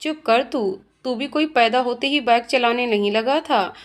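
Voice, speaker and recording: A woman voicing a kind but firm middle-aged mother who gently scolds her son in a storybook reading. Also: a little high, moderate pace, natural voice. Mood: scolding.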